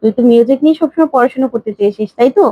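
A woman's voice: high-pitched, racing, no room sound, phone-quality sound, lightly acted. A woman voicing a kind, devoted man who speaks earnestly and with care. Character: kind devoted man, the family's selfless helper.

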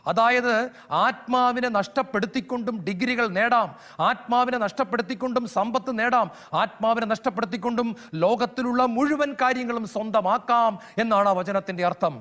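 A high-pitched male preacher delivers a fervent sermon in a steady cadence, stacking phrase after phrase. His voice rings through a hall with a long, trailing reverb. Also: fairly quick.

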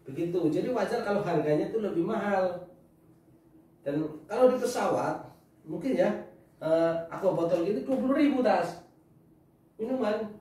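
A man's voice: high voice, lively intonation, moderate pace, pauses often, dark tone. A man talking as a father giving his family advice in casual chat, lecturing and laughing often. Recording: echoey room, mic far off.

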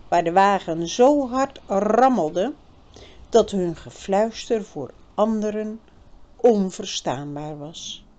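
A woman reading a children's novel aloud, narrating in a measured, expressive way. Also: mid-range voice, muffled recording. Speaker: audiobook reader. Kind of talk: storybook narration.

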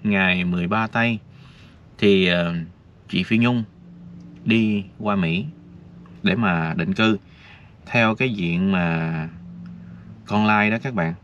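A male vlogger rambles casually outdoors, chatting straight to his viewers. He has a low-pitched, slightly bright voice and speaks slowly with long pauses, on a dull lo-fi recording with faint noise.

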